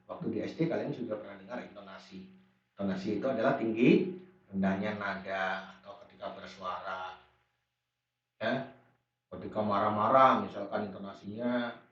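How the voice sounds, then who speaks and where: A man's voice: lowish voice, a bit bright. A man teaching a recorded school lesson, patiently explaining steps and answering the questions he imagines his pupils will ask. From Indonesia. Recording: roomy, distant, dull lo-fi screen recording.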